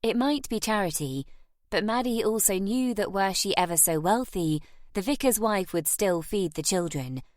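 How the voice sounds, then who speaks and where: A woman narrating a romance audiobook in a measured storytelling manner. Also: medium pitch, lively intonation, a little mellow, no echo, studio quality.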